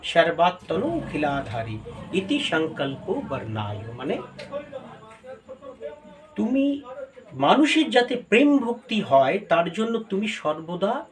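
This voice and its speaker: High, lively-voiced male preacher. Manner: expressive, quotes and chants scripture slowly. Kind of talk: devotional sermon with chanted verses.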